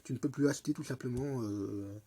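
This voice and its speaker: A man's voice: mid-range voice, fairly quick, mellow, a little hiss or hum. A young man, a lisp and a congested, cold-affected voice, giving a rambling, slangy, hesitant tutorial commentary on a mobile game. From Belgium.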